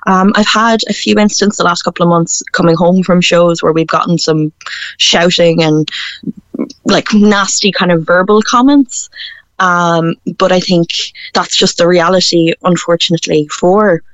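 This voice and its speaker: A woman's voice: fairly low pitch, steady tone, moderate pace, no room sound, highs cut off. A woman with a west of Ireland accent talking candidly in an interview, hesitant and informal. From Galway, west of Ireland. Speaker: interview guest, performer.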